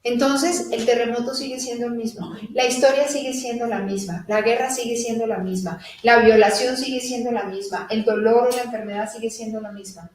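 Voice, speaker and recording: A woman giving a live spiritual talk to an audience, animated and laughing as she acts out little dialogues. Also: fairly high pitch, fairly quick, hardly any pauses, a little hiss or hum. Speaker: spiritual teacher. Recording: echoey room from a distant mic.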